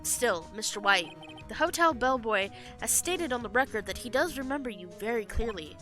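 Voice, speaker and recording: A woman's voice: a little high, lively intonation, moderate pace, music in the background, natural voice. A woman reading the lines of an earnest young male defense lawyer in a plain, questioning voice.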